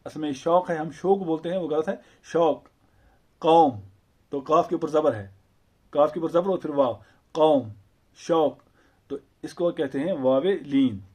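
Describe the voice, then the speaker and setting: A man teaching an Urdu grammar lesson, explaining slowly and patiently with repeated examples and rhetorical questions. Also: on the high side, dark tone.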